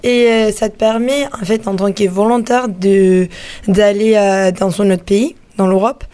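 Mellow-voiced woman. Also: medium pitch, steady tone, measured pace. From Spain. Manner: hesitant, explanatory. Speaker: guest, European volunteer. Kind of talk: radio interview answers.

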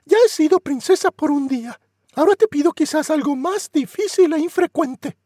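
A man voicing a spirited, blunt young woman in a raised, high voice. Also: normal speed, dark tone, no echo, studio quality. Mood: pleading.

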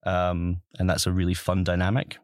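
A man in his thirties with a Highland Scottish accent, telling his story as an interview guest in a wry, playful, colourful way. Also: monotone, normal speed, darkish tone, dry recording, clean studio sound. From Highlands of Scotland. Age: 30s. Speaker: producer at an animation studio, guest.

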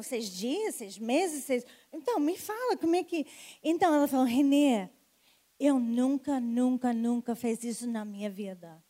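This woman preacher's voice sits high with a dark tone. Her sermon shares a healing testimony in storytelling fashion, then turns into an altar call as she summons people forward to pray, her energy steadily climbing.

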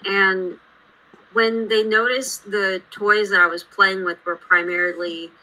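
Bright-voiced woman guest in her late twenties. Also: medium pitch, fairly even intonation, rough recording. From India, raised in Houston. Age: late 20s. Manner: measured, explanatory storytelling. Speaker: guest engineer. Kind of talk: podcast interview.

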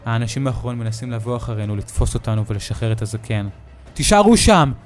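Man narrating a horror story in a dark voice. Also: lowish voice, soft background music. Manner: steady, measured first-person storytelling.

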